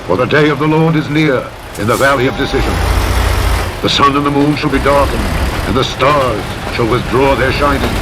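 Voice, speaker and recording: A man narrating the Bible in a solemn, dramatic, measured and declamatory style. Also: mid-range voice. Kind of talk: solemn dramatic scripture reading. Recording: engine and vehicle noise over playback. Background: truck engine and road noise from a driving game.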